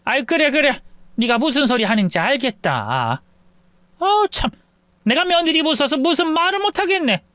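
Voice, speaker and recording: A grumbling, defensive old mother-in-law who brushes off every complaint, voiced by a man in a raised, sharply swinging pitch. The delivery is close-miked and dry. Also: very animated, normal speed, bright, forceful tone, no echo, exaggerated voice. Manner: grumbling, dismissive retorts.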